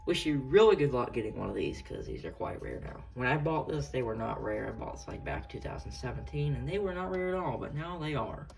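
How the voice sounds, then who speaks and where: With a sing-song, darkish voice of medium pitch and some vocal fry, a collector gives an informal show-and-tell of his radios. His speech rambles and halts, full of corrections, over a noisy, clicking room.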